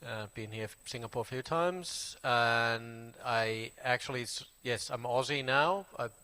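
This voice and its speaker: A man in his forties from Finland with a Finnish accent, a Buddhist monk casually introducing himself in halting English full of fillers and restarts. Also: medium pitch, pushed and bright, smooth. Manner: halting, many fillers and restarts, plain friendly telling. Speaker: Buddhist monk giving a talk. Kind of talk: casual spoken self-introduction.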